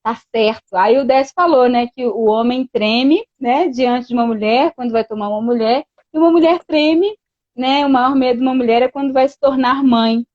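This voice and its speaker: High-pitched woman talking casually, acts out dialogue as she tells it, muffled dry recording. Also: normal speed, dry recording. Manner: storytelling with many quoted exchanges and frequent "né". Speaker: guest. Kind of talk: casual chat. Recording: dull lo-fi dry sound.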